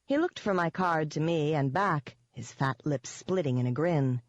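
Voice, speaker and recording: A woman's voice: deep voice, lively intonation, normal speed, no room sound. A woman narrating a first-person audiobook in a wry, sardonic manner. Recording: dull, dry audiobook recording.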